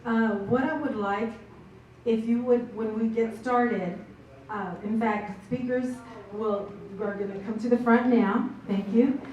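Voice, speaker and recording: Slow-talking woman in an echoey hall. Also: on the high side, steady tone, a little mellow, lo-fi sound. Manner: chatty with many fillers and restarts. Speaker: event moderator. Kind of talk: casual seminar moderation. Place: meeting room with an audience. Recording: very echoey room from far off, faint noise.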